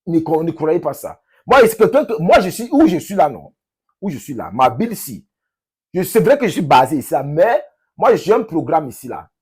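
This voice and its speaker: Husky Cameroonian man, slightly high voice. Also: big pitch swings. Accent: Cameroonian French. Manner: emphatic, repeats phrases, halting with restarts. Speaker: vlogger, language teacher. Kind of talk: casual talk to camera addressed to subscribers.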